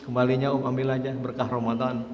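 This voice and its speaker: A man's voice: mid-range voice, level tone, quick pace, a little mellow, muffled recording, a little hiss or hum, lightly acted. A man preaching in a mosque who voices a young, tattooed former thug who now speaks humbly. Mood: humble. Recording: echoey hall, faint ambience.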